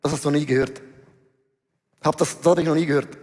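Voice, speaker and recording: Man, Swiss German accent, pastor preaching, animated, slangy, high voice, big echoing church hall. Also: fast talker. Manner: animated, mixes in English phrases and slang. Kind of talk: sermon. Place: church auditorium stage. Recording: large hall with long reverb.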